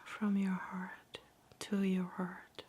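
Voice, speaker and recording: A woman giving a whispered ASMR pep talk in a soft, breathy whisper, soothing, gentle and encouraging. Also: medium pitch, completely flat delivery, slow, noisy background. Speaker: ASMR host.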